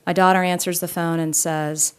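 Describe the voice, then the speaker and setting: A woman's voice: lowish voice, flat delivery, moderate pace, clear, resonant tone. A woman speaking on a conference panel, opening in a chatty, anecdotal way.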